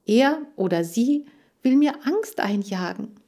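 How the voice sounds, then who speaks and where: A woman's voice: fairly high pitch, animated, slow, dark tone, voice pushed up, heavily acted. A woman reading a children's audiobook, voicing an agitated, tearful girl who cares for farm animals. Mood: distressed. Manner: agitated, pleading, raised voice.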